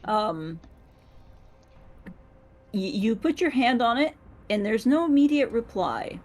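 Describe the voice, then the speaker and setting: A woman's voice: fairly high pitch, sing-song, slow pace. A woman acting as game master, narrating a tabletop game casually and informally.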